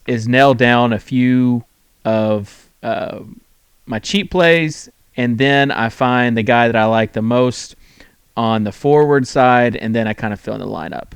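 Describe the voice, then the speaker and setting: A man hosting a fantasy sports call-in show, talking loosely with many pauses and restarts. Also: mid-range voice, smooth, no room sound. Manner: rambling, full of fillers and restarts. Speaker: host. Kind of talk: casual sports talk show.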